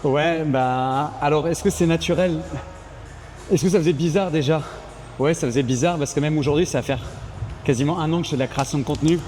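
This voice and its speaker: A man's voice: a little high, brisk, darkish tone, faint music behind. A young French man, an expat coach, chatting casually and emphatically with many restarts. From France. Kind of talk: casual chat and home tour.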